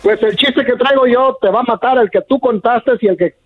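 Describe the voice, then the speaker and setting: A man's voice: extremely high pitch, fairly quick, faint music behind. A man calling in to a radio show to tell a joke, narrating it steadily. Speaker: caller. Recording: phone line.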